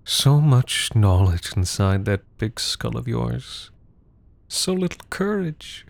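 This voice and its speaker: A man's voice: lowish voice, normal speed, no room sound, lightly acted. A man voicing Kaizen, a cold, menacing older woman. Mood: menacing, coaxing. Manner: soft, murmured, quietly menacing. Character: commanding sixty-something woman, cold and manipulative.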